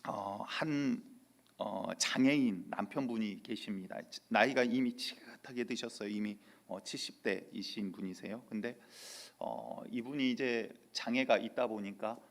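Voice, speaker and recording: A male pastor delivering a sermon in church, telling lively stories and acting out quotes. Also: fairly low pitch, a little slow. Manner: lively storytelling with acted-out quotes.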